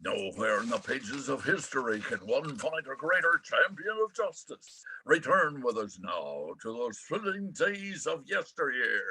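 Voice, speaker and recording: An older man playing a dramatic old-time radio announcer for a western serial, grand and declamatory, with a husky voice. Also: mid-range voice, very animated, a little slow, bright, forceful tone, slight background noise, heavily acted. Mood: grand, rousing.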